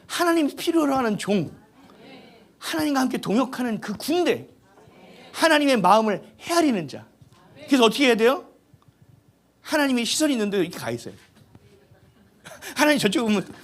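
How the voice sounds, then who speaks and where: A male pastor preaching a sermon in an animated, humorous, exhorting way. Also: high-pitched.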